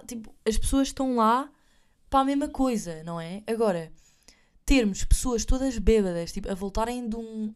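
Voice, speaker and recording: A young woman with a European Portuguese accent telling a story to her viewers in a chatty, self-mocking way, slipping in English phrases. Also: a little high. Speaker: vlogger.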